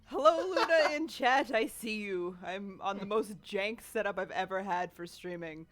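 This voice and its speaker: A woman streaming a game with a friend, her voice low and sick, chatting casually with lots of giggles and fillers. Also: normal speed. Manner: giggly, rambling with many fillers. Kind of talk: casual gaming chat.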